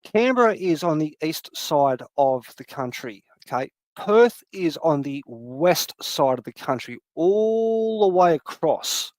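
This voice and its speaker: A man's voice: a little high, animated, measured pace, hardly any pauses, no room sound. Swearing man telling stories. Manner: profane, rambling storyteller. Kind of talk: casual conversation.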